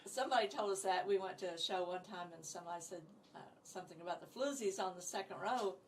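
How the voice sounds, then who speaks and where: A woman's voice: fairly low pitch, fast, a loud crowd. A woman in her seventies from Indiana, a guest in a casual interview, telling stories in an upbeat, chatty way. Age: 70s. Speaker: interview guest, community group founder. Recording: voice picked up from a distance.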